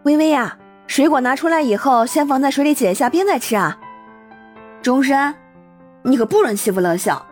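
A woman voicing a bright, chirpy young actress. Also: high voice, moderate pace, soft background music. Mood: caring. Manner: lively, chatty instructions.

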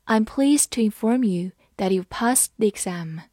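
A young woman teaching English vocabulary, spelling out words letter by letter and reading example sentences slowly. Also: medium pitch, animated, dark tone, dry recording, clean studio sound. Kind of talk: vocabulary lesson.

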